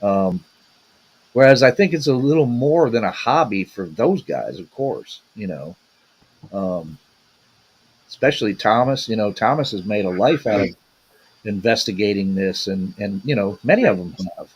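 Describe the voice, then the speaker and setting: A man's voice: lowish voice, lively intonation, moderate pace, husky, rough recording. A man co-hosting a casual podcast, rambling and tossing in "man" and "you know" often. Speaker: podcast co-host.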